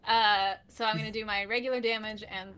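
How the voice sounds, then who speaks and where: A woman's voice: medium pitch, fairly even intonation, a little fast, sharp tone, clear, resonant tone. A woman playing a tabletop game, bubbly and giggly as she describes her character's moves. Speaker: player.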